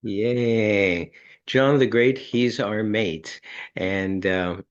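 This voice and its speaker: Effusive low-voiced male show host, dull audio. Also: very slow. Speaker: host of an online magic show. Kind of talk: show hosting, introductions.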